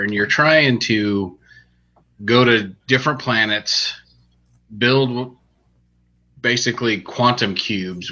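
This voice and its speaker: Deadpan low-voiced podcast man. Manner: dry, deadpan jokes. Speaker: podcast co-host. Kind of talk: casual podcast chat and game review. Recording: dull lo-fi podcast audio.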